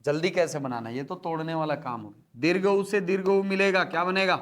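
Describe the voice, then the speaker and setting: A man teaching Hindi spelling to a classroom, breaking words into letters slowly and often asking if students follow. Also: on the high side. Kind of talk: classroom lecture.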